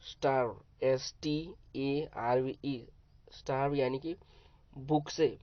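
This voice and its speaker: Slow, patient male teacher spelling words. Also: mid-range voice, steady tone, no echo. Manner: spells words letter by letter, then explains. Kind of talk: vocabulary lesson for young pupils. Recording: dull, dry lo-fi sound.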